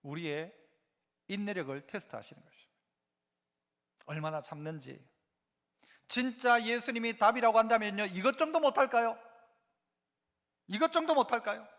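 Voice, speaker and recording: A man's voice: high-pitched, moderate pace, long pauses. A man, a pastor preaching a Sunday sermon and quizzing his congregation with rhetorical questions. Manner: animated, asks the congregation frequent rhetorical questions. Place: church sanctuary. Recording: long church hall reverb.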